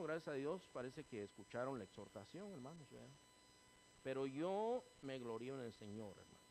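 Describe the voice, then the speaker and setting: A man leads a church sermon in a mid-range voice, speaking to his congregation as brothers. He swells louder and more animated through his stories and settles into earnest prayer. A faint hum sits under the recording. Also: medium pitch, poor audio. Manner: addresses listeners as hermanos, grows loud and animated in stories. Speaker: pastor.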